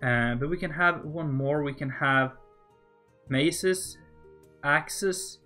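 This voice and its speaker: A man's voice: a little high, slow pace, sharp tone. A man from Norway with a Norwegian accent, casually talking to himself and joking with viewers as he builds in a game. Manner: rambling, self-talking while building, joking. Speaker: Minecraft builder streaming. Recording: faint background music.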